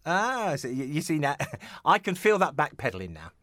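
A jovial male radio host chats with guests in a slightly high, very animated voice, often tripping over his words and restarting. He speaks into a studio mic in a dry, close room. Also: moderate pace, no echo. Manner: rambling, full of restarts and fillers; jovial, chuckling. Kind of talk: casual interview chat.

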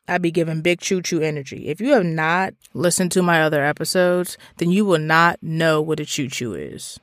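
A woman hosting a podcast, delivering a comedic monologue that swings between loud profane outbursts and low asides. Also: no echo, clean studio sound. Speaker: podcast host.

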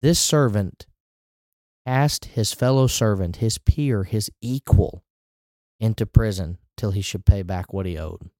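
A man's voice: on the low side, a little slow, darkish tone, dry recording, clean studio sound. A man preaching a sermon in a conversational way, with rising emphatic asides.

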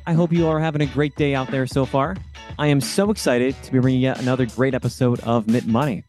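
A man's voice: medium pitch, fairly even intonation, fast, darkish tone, soft background music. A man hosting a podcast who opens the show with eager, upbeat energy and then asks interview questions. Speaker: podcast host.

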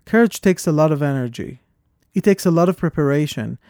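A podcast co-host with a foreign accent of unstated origin speaks earnestly and thoughtfully in a reflective conversation, growing animated whenever he tells a story. His voice is fairly high-pitched and a little fast, captured in clean studio sound with no room sound.

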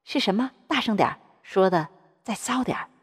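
A woman's voice: medium pitch, lively intonation, brisk, husky, long reverb tail. A woman voicing a coarse, swaggering middle-aged male bank official in an adult audio story. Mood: mocking. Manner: vulgar, bossy, swaggering.

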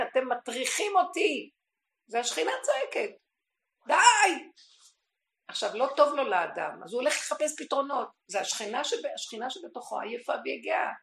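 A woman delivers a religious teaching with real passion. Her voice sits fairly high and has a gravelly edge, dropping to near-hushed asides and then rising to cries. The recording carries a roomy echo. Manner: impassioned, swings from hushed to crying out. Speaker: spiritual teacher. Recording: echoey room recording.

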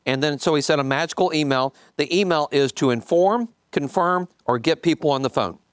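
A man leads a group session as a business coach, giving an informal talk where he reads passages from a book and comments on them. He often repeats points for emphasis and checks in with his listeners. His voice is fairly high and clean, a little fast, captured in a clean studio with no room sound.

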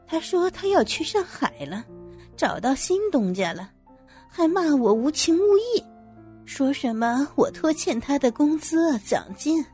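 A fed-up middle-aged boss lady, as voiced by a woman reading a story, vents in a fairly high, heated voice full of curses and self-pity. Soft music plays faintly underneath the audio story reading. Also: big pitch swings, a little slow. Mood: indignant ranting. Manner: indignant, cursing, self-pitying ranting.

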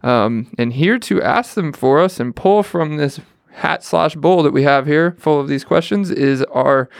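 A man's voice: a little high, unhurried, creaky, no echo, studio quality. A man co-hosting a casual podcast, upbeat and welcoming as he runs the show. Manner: upbeat, welcoming host patter. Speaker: podcast co-host.

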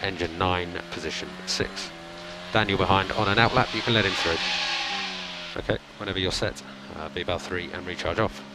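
Race car radio voice: a low-voiced male engineer, calm and clipped, repeating each call, with loud engine noise around him. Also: normal speed. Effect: race car team radio. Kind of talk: team radio instructions to a driver.

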